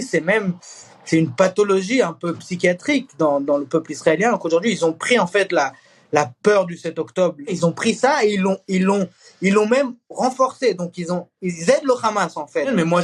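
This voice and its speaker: A young man born in East Jerusalem, speaking in a candid interview, earnest and halting with frequent restarts and fillers. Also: fairly high pitch. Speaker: Israeli reservist interviewee.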